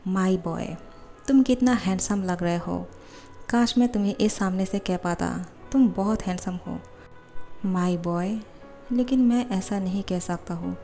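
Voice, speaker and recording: A woman voicing a shy young man who muses quietly to himself, lovesick and unsure. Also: mid-range voice, creaky. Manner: quiet musing inner voice.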